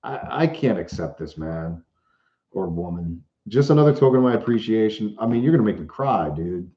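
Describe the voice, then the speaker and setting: A man hosting a casual live Q&A, reading viewer comments aloud with frequent halting restarts. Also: lowish voice, animated. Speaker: livestream host. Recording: roomy, dull lo-fi livestream audio.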